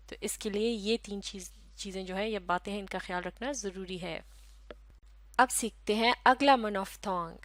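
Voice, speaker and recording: A woman from Pakistan gives a recorded English phonetics lesson with a Pakistani Urdu accent. She speaks patiently at a middling pitch, repeating each sound slowly several times. Her voice is dry and close to the mic. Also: dry recording. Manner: patient, explains step by step. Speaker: English teacher.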